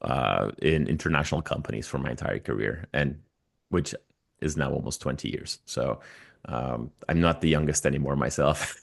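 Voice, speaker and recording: This Belgian man in his forties, a native Dutch speaker with a Belgian Dutch accent, is a music YouTuber appearing as an interview guest. He talks casually but haltingly, correcting himself often, in a very deep voice with vocal fry.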